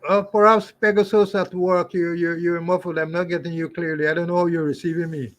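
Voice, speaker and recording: A man's voice: high voice, flat delivery, brisk. A man joining a live stream over a call, repeating himself as the connection keeps breaking up. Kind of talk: casual live-stream chat.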